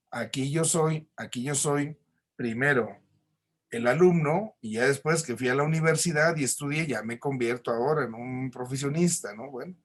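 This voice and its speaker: A man with a Mexican accent teaching a recorded church class, explaining patiently with homely examples and frequent tag questions. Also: mid-range voice.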